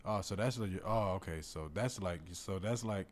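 A man with a low voice, chatting casually with a friend. He talks in a relaxed way, hesitant and full of "like" fillers. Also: normal speed, a little hiss or hum. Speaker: podcast co-host. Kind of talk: casual chat.

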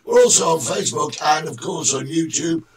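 A hoarse man with a croaky voice hosts a chat show, his pitch swinging up and down as he reads out viewers' names. He sits back from the microphone, so he sounds distant. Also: brisk, a crowd in the background. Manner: lively, greets viewers by name. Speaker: talk show host. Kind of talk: casual chat show banter.

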